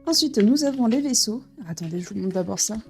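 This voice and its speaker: A woman's voice: fairly high pitch, animated, fairly quick, darkish tone, faint music behind. A woman casually presenting a board game as she unboxes it, with frequent fillers and restarts. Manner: hesitant, many fillers and restarts.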